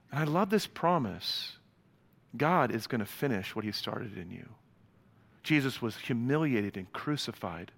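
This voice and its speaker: A male pastor preaching a sermon, animated, with sudden loud peaks, quiet drops and casual slang asides to the congregation. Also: mid-range voice, long reverb tail.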